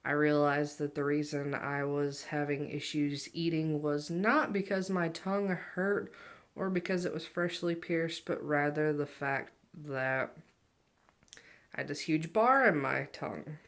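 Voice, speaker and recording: A woman's voice: sits low, steady tone, a little slow. A woman in her twenties chatting casually to viewers in a rambling, self-deprecating, offhand way. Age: 20s. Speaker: vlogger.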